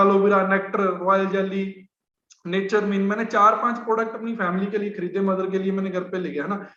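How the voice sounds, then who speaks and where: A man's voice: high voice, little pitch movement, normal speed, pushed and bright. A man gives a business training talk, speaking conversationally with many fillers. The recording is roomy and dull.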